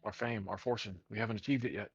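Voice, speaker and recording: Blunt, skeptical tabletop player. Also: male voice, fairly low pitch, steady tone, quick pace, slightly rough, no room sound, highs cut off, soft background music. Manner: blunt, skeptical, swears casually. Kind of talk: casual tabletop chat.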